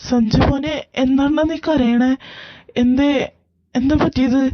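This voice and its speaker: An anxious father who urges and worries over his son, as a woman puts him on. The voice is pushed lower than her own but still stays fairly high. It comes from an amateur fan drama. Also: fairly even intonation, a little slow, dull audio. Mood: worried. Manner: anxious, urging.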